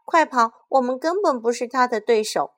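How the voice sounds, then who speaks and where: A woman's voice: a little high, animated, normal speed, voice pushed up, lightly acted. Woman doing a frantic young boy. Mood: panicked. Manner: panicked, urgent.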